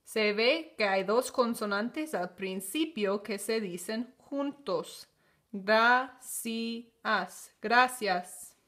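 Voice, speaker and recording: Slow, deliberate woman teaching phonics. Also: mid-range voice, expressive. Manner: slow, deliberate, sounding out syllables.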